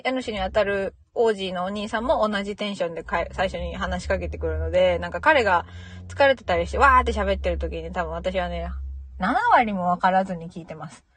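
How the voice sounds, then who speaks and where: A woman's voice: medium pitch, no room sound. A young woman, chatting casually on her own podcast, laughing and imitating local greetings. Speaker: podcast host. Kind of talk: casual solo chat.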